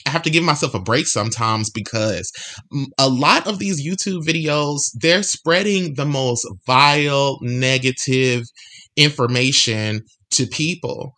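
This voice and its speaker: A man hosting a solo motivational podcast, talking earnestly and encouragingly, repeating phrases for emphasis and slowing down on key words. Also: medium pitch, sharp tone. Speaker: podcast host.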